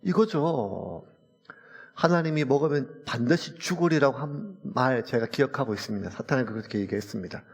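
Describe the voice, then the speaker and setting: A gravelly, husky-voiced man preaches from the pulpit. He speaks earnestly and conversationally and weaves in personal stories. His voice carries a long reverb from the church sanctuary. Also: mid-range voice, animated, normal speed. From South Korea. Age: late 40s. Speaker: pastor. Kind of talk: sermon.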